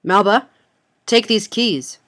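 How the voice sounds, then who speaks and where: A woman's voice: medium pitch, expressive, takes it slowly, fairly bright tone, voice pushed up. A young woman reading a memoir aloud, voicing a frightened middle-aged mother who gives urgent commands.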